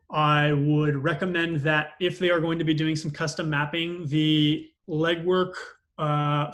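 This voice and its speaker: Hesitant and frequently pausing partway through sentences, a man offers an off-the-cuff testimonial as an operations manager. His voice is slightly high and a little bright.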